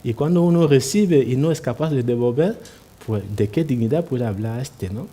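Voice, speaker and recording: A man's voice: mid-range voice, moderate pace, dark tone. A man speaking at a party assembly, telling anecdotes in a hesitant way, with many tag questions and restarts. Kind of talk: anecdotal public speech. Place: assembly hall.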